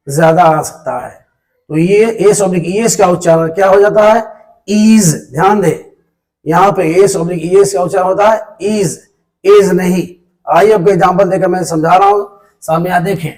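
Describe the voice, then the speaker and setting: A man teaching an English pronunciation lesson to pupils, slowly repeating and spelling out sounds. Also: high-pitched, a little mellow, low-quality recording.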